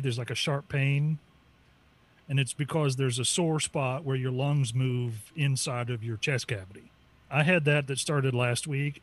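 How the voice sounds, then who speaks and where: A man co-hosting a morning radio show in casual, amused banter, sounding short of breath. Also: mid-range voice.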